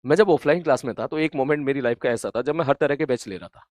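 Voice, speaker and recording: A male teacher gives students an earnest motivational talk, gently scolding them and repeating each point. His voice sits at an ordinary middle pitch and climbs louder and higher when he pushes them to try. The sound is dry and close to the mic. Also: quick pace, no echo. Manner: earnest, scolding yet gentle, repetitive emphasis; rises loud and high when urging. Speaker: coaching teacher.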